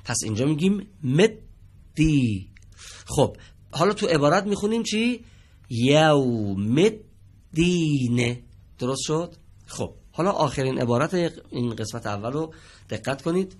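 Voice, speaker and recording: Lively, patient male Quran reading teacher. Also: on the high side, breathy edge. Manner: patient, quizzes students, stretches out example words slowly. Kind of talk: televised classroom lesson. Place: TV studio with students.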